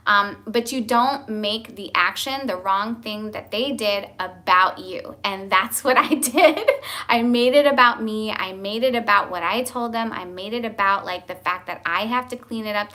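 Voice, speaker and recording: A woman's voice: medium pitch, bright, forceful tone. A young woman, a homeschooling mom, chatting candidly from home and laughing now and then as she tells family stories. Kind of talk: casual chat.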